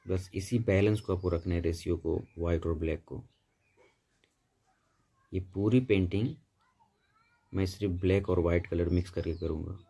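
A man's voice: low-pitched, fairly even intonation, moderate pace, vocal fry, long pauses, dark tone, husky. A man giving a painting tutorial in a voice-over, explaining each step patiently and steadily. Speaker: painting instructor.

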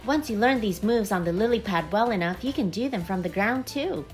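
A woman's voice: medium pitch, animated, brisk, soft background music, lightly acted. A woman voicing a friendly, curious blue frog in a children's story.

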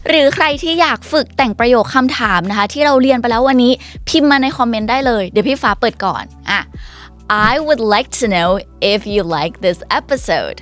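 A woman's voice: on the high side, fairly bright tone. Friendly woman teaching English. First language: Thai. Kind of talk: casual online English lesson.

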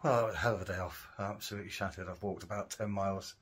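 A man's voice: low voice, steady tone, very fast, heavy background noise. Chatty wry man vlogging outdoors. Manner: chatty, wry and self-mocking. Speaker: touring musician vlogging. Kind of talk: casual travel vlog chat. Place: outdoors on walks and sightseeing.

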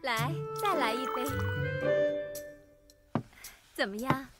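An actress playing the magistrate's wife, sweetly coaxing a guest to eat and drink. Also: female voice, high-pitched, normal speed, lightly acted. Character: magistrate's fawning wife hostess. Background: drama score music.

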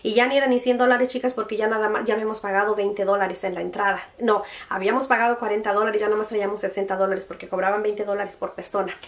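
A woman's voice: medium pitch, fast, few pauses. A young woman, telling a personal story in a casual, emotional vlog and acting out what others said. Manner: emotional, animated retelling that quotes other people. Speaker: beauty vlogger. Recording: voice a bit far from the mic.

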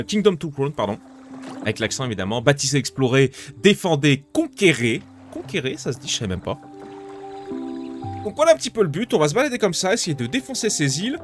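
Excitable swearing gamer. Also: male voice, fairly high pitch. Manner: excitable, swears, pleads loudly with game characters. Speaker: gaming YouTuber. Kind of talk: casual let's-play commentary. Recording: game music playing behind the voice.

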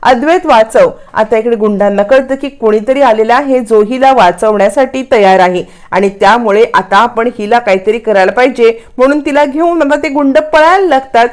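A woman retelling a TV serial plot as a storyteller. She talks in an animated way and often repeats phrases. Her voice sits fairly high. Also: normal speed, few pauses.

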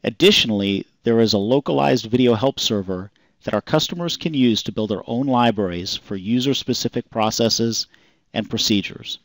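A man calmly reading a scripted software demonstration voice-over in an even, explanatory way. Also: medium pitch, moderate pace, no echo. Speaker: software demo narrator. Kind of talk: scripted product demo narration.

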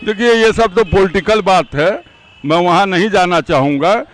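A man on a city street giving a careful, measured opinion while steering clear of politics. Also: sits high. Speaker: passerby interviewee. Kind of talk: street interview answer.

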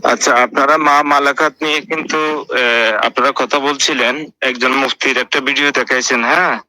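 A man's voice: medium pitch, fairly even intonation, moderate pace, sharp tone, dry recording, low-quality recording. A man joining a live online call as a guest, debating insistently and pressing others with pointed questions. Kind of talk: heated religious debate.

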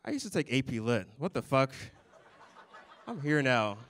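A young man's mid-range voice moves at a moderate pace as he performs a stand-up set into a handheld microphone on a comedy club stage. He delivers it deadpan and dry, chuckling a little.

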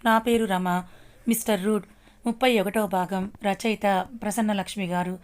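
A woman's voice: medium pitch, fairly even intonation, normal speed. A woman with a Telugu accent reading a serialized story aloud, voicing every character's lines in her own voice.

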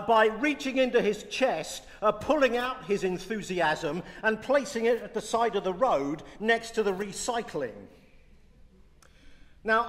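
A man preaching in a large church, telling a story gently and with self-deprecating humour. He speaks slowly in a fairly high voice. A long reverb trails each phrase. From Britain. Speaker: priest. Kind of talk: sermon.

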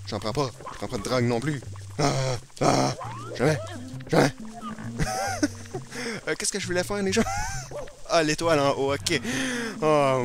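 A man with a Québécois accent commenting on a video game in a let's play, hyper and rambling nonstop, his throat a little irritated. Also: mid-range voice. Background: video game music.

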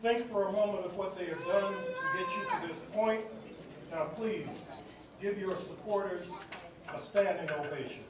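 High-voiced man orating in an echoey hall. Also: normal speed, crowd noise. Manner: rhythmic oratorical delivery with repeated phrases. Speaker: commencement speaker. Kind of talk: commencement speech. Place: large hall at a graduation ceremony. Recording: echoey hall recording from far off with noise.

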